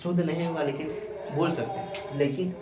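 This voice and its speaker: A man's voice: on the high side, steady tone, a little fast. A male teacher giving a classroom grammar lesson, asking questions and repeating the answers himself. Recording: echoey room with clear background noise.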